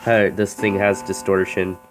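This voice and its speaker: Loud music plays behind this American hobbyist's deep, level voice as he unhurriedly and casually demonstrates a vintage radio. He's recorded on a handheld phone, with noise and clicks throughout.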